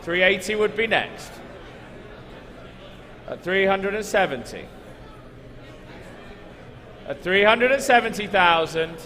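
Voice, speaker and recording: A man's voice: sits high, animated, slow, pauses often, pushed and bright, a faint crowd. A man working as an auctioneer, calling bids at a live car auction, repeating figures insistently and coaxing bidders. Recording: echoey large hall, background noise.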